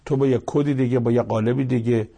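A man's voice: medium pitch, fairly even intonation, creaky, warm tone, slight background noise. A man giving short verse-by-verse Quran commentary, telling the scripture story plainly with everyday sayings. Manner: plain storytelling with colloquial asides.

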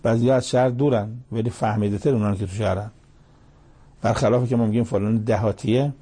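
A man giving a religious commentary lecture in a measured, emphatic way, reciting Arabic verses between his explanations. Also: lowish voice, steady tone, warm tone, slightly rough. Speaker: Quran commentator.

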